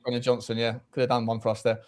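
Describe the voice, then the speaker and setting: A man hosting a casual football chat over a video call, chatty and quick to laugh. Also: medium pitch, monotone, a little mellow. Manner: chatty, laughs easily, lots of fillers. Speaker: podcast host.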